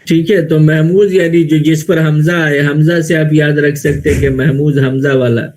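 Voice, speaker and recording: A man's voice: fairly high pitch, flat delivery, darkish tone. A man teaching Arabic grammar in Urdu with an Indian Urdu accent, explaining step by step and answering his own questions. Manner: explains slowly, asks questions and answers them himself. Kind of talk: classroom lecture.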